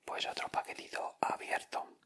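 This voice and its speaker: He's an ASMR host from Spain, judging by his accent, quietly whispering unhurried little comments into a close microphone. The casual commentary accompanies him opening packs of stickers.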